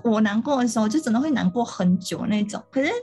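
A woman's voice: fairly high pitch, lively intonation, fast talker, dark tone, slightly rough, faint music behind. A woman co-hosting a podcast, talking through ideas in an earnest, step-by-step casual chat. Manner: earnest, explanatory, talks through steps. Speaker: podcast co-host.

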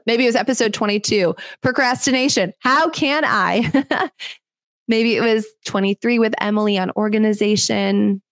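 Woman, podcast host, earnest rhetorical talk, strong emphasis, mid pitch, dry close sound. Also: no room sound. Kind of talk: reflective solo podcast talk.

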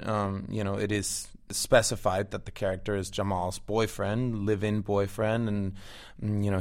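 Gravelly Venezuelan man, eager chat. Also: lowish voice. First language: Spanish. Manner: enthusiastic, repeats words and restarts often. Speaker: actor guest. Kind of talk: casual interview chat.

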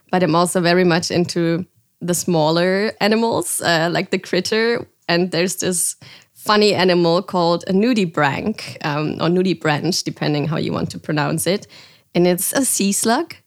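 A woman hosting a podcast, chatting in an upbeat, friendly way with occasional hesitations. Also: on the low side. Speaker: podcast host. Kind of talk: casual podcast chat.

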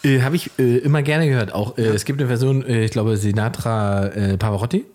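A man's voice: mid-range voice, brisk, darkish tone. A man from East Germany in casual, playful chat as co-host, sometimes breaking into song.

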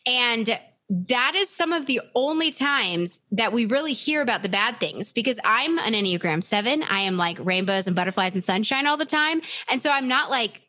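A woman's voice: a little high, animated, normal speed, sharp tone. A woman hosting a podcast in casual, upbeat interview chat, full of "like" and "right?". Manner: chatty, upbeat, frequent "like" and "right?". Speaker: podcast host.

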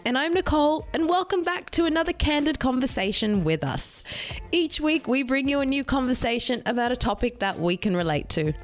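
A woman's voice: high-pitched, sing-song, a little fast, faint music behind. Congested woman podcast co-host. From Australia or Puerto Rico. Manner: agreeable, chatty, laughs often. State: congested, nasal from a cold. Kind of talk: casual chat.

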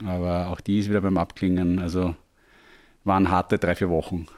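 Man, Austrian accent, lower-pitched voice, casual podcast talk, English tech terms mixed in. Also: flat delivery, brisk, a little mellow. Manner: drops English tech jargon into speech.

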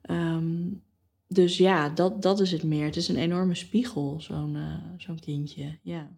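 Soft-spoken reflective woman, lowish voice. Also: fairly even intonation, slow, gravelly. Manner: reflective, hesitant with many fillers. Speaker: guest. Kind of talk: casual conversation.

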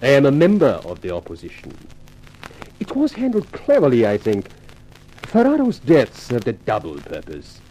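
With smug menace, a suave racketeer and European adagio dancer from a 1950s radio mystery speaks in formal, measured, urbane phrases, coolly polite even as he plots. His pitch swoops wildly over a soft, dusky tone with a slight roughness. The audio is poor.

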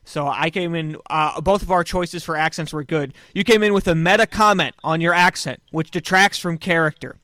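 A man hosting a podcast from a couch, chatting casually with rambling, deadpan jokes. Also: on the high side, moderate pace, hardly any pauses, no room sound, studio quality. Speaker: podcast host. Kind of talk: casual chat. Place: small room on a couch.

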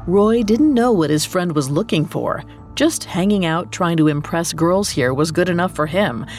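A woman tells a scripted true-crime story with dramatic storytelling. Her voice sits a little low and swings widely in pitch. Soft music runs beneath her. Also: lively intonation, moderate pace. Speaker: podcast narrator.

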